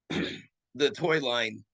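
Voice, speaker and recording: A man in a casual chat, turned away from the phone mic so he sounds distant, rambling with restarts and clearing his throat. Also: mid-range voice, drawn-out words, pushed and bright, dry recording. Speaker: action figure collector.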